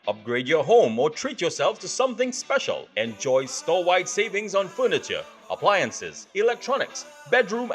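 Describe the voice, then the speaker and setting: A man's voice: fairly high pitch, fairly bright tone. A man announcing a store commercial in an upbeat, punchy sales voice. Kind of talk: radio-style commercial. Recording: ad read over music.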